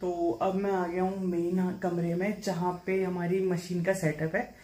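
In this handheld vlog with clear background noise, a man in his twenties addresses viewers directly while touring home rooms, a courtyard, and a small shop. His phone is at arm's length. He speaks in a high-pitched, warm voice with little pitch movement at a measured pace, keeping things informal and conversational.

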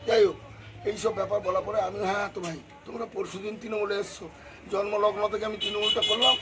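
A man's voice: sits high, flat delivery, fast talker, over loud music. An older man with a West Bengal Bengali accent, a former councillor, agitatedly recounting an attack on his home to a reporter. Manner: agitated, acts out the quarrel in quoted speech. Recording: noisy outdoor street recording.

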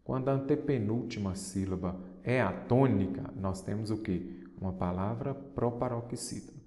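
A man's voice: lowish voice, normal speed, warm tone, echoey room, big-room sound. A male teacher with a Brazilian Portuguese accent, explaining exam questions step by step and answering his own questions. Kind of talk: exam-prep lesson.

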